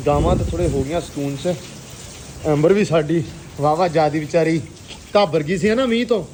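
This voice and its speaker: High-voiced, exclamatory Pakistani Punjabi man. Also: a little fast, darkish tone. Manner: exclamatory, repeating interjections and phrases. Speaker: vlogger. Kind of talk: casual outdoor village vlog chat. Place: outdoors on a village farm in windy, rainy weather. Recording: noisy outdoor recording, faint weather and vehicle noise.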